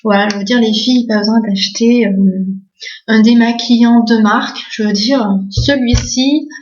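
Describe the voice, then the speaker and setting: A woman's voice: fairly high pitch, fairly even intonation, moderate pace, darkish tone. A woman, chatting casually through a beauty haul, full of fillers and enthusiasm for bargains. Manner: chatty, many fillers and "voilà". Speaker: beauty vlogger. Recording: echoey room, dull lo-fi sound.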